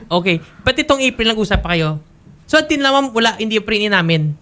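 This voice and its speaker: A host with a Filipino accent, probing politely in a complaint-show interview. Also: male voice, high-pitched, lively intonation, quick pace, pushed and bright. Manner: polite, probing, many "sir" and "ma'am".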